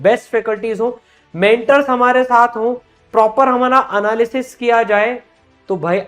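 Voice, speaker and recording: A man speaking as a coaching teacher, giving students a motivational pep talk. He speaks animatedly and familiarly, rising higher and louder when he urges them on. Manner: animated, rising in pitch and loudness when urging; addresses listeners familiarly as friends and brothers.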